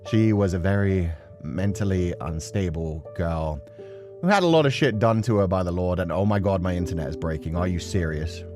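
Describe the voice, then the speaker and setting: With music in the background, a man speaks at normal speed in a low voice. He's a livestream host and gaming streamer, rambling in casual, expressive pre-game chat.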